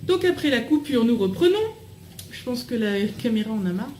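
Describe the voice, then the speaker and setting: A woman's voice: fairly high pitch, expressive, moderate pace, darkish tone, reverberant, slight background noise, low-quality recording. A young woman chatting casually to camera as she unboxes a package at home, bubbly and full of fillers. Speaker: vlogger unboxing a swap package.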